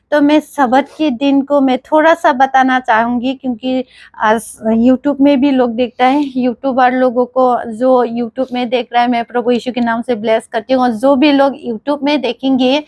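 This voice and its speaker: A woman's voice: sits high, steady tone, measured pace, darkish tone, no echo. A woman preaching a sermon, often asking questions and answering them herself and repeating praise phrases. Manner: repeats "Praise the Lord", asks and answers her own questions.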